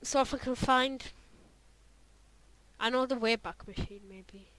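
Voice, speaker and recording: A woman's voice: fairly high pitch, unhurried, fairly bright tone, low-quality recording. Rambling young woman doing a reaction vlog. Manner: rambling, hesitant, lots of fillers and trailing off. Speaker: YouTuber reacting to her old videos. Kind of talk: casual reaction vlog commentary.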